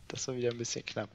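A man casually commenting while playing a game, chatty and muttering to himself. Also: mid-range voice. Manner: chatty, muttering, swears and laughs. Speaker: let's play gamer.

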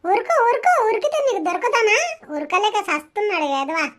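A woman voicing a frantic, jealous young man in a comedy skit, yelling and scolding as he chases after his lover. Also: very high-pitched, sing-song, a little fast, voice pushed up. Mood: shrill.

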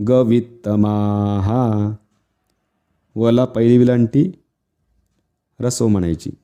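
A man teaching children Sanskrit pronunciation, chanting verse lines slowly and repeating them, with quicker plain explanations in between. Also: lowish voice, mellow. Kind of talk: recitation lesson for children.

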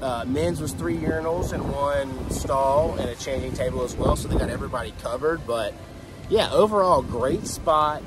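A man in his thirties hosting a casual brewery review outdoors, with an upbeat, relaxed rundown. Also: mid-range voice, normal speed, music in the background, low-quality recording. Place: outdoors by a parking lot.

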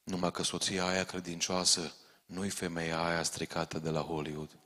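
Male preacher with a low, deep voice, urgent and warning, recorded in a reverberant church hall. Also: little pitch movement, pushed and bright. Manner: urgent, direct warnings to the congregation. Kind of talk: sermon.

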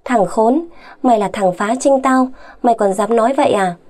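A woman narrates in a fairly high, darkish voice, pitched above her natural register and lightly acted, at a moderate pace. She plays a bitter young wife who talks back with raised, indignant lines, her anger and hurt rising and growing heated.

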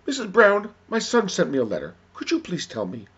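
A man's voice: high voice, huge pitch swings, fairly quick, fairly bright tone, dull audio, voice pushed up, exaggerated voice. Man putting on a fretful old immigrant mother. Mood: pleading. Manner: pleading, then indignant. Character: anxious older immigrant mother.

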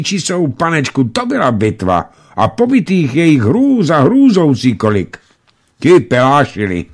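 A man reading a story aloud and voicing a young village boy, suspicious and shrill.

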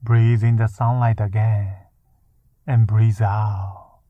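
A man leading a guided meditation in a soft, soothing, hushed voice, leaving long pauses between short phrases. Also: lowish voice, flat delivery, no echo. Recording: muffled, narrow-band phone-like sound. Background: music.

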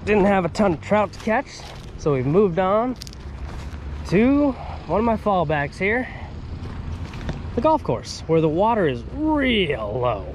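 A man in his thirties, an angler hosting an outdoor fishing vlog, chats casually in a laid-back way and swears freely. His voice is high and very animated, and he speaks slowly with frequent pauses. Filmed by a river among woods and a pond on an action camera worn on his body or held at arm's length, the audio carries faint ambient noise.

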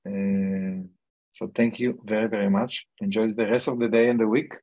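A middle-aged man, hosting a meetup panel over a video call, speaking haltingly with many fillers and restarts. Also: lowish voice, little pitch movement, a little mellow, low-quality recording. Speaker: meetup host. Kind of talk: casual panel chat.

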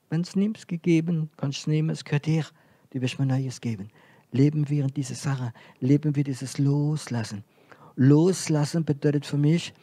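A man with a French accent preaching a sermon, dropping to near-whispers and rising to loud, repeated emphasis. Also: medium pitch, slightly rough, no room sound. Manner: swings from hushed, near-whispered lines to loud emphatic repetition.

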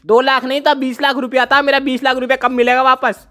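A young man with a Haryanvi accent, shouting abusively in a staged phone argument at home during a prank. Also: extremely high pitch, little pitch movement, fairly quick, faint music behind.

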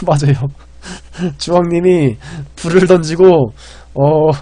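A man streaming and commentating a game, rambling and excitable, swinging between loud panic and quiet muttering. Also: fairly high pitch, takes it slowly, no room sound.

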